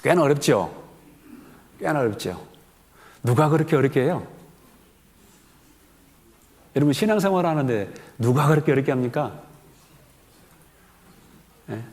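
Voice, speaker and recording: A man's voice: medium pitch, lively intonation, normal speed, pauses often, a little mellow. A man in his fifties, a pastor giving a sermon in a church, talking to the congregation in a conversational way with many questions to them. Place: church sanctuary. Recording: long hall reverb in a church.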